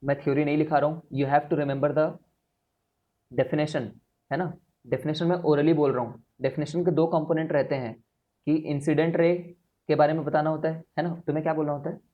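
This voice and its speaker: A young man teaching physics to a class in a chatty, lively way, mixing in English phrases. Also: fairly high pitch, a little fast, highs cut off. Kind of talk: classroom lecture.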